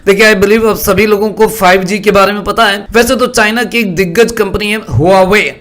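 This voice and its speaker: A man's voice: high-pitched, fairly even intonation, moderate pace, a bit bright. A man giving stock market commentary over a screen share, explaining patiently and often checking that the listener is following. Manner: explanatory, asks "are you following me" often.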